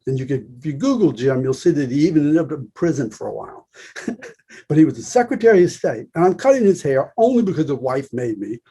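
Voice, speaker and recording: Dark, husky-voiced man telling stories. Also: on the high side, fast talker. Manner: lively anecdotal storytelling, acts out quoted voices. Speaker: podcast guest, salon owner. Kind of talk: storytelling interview.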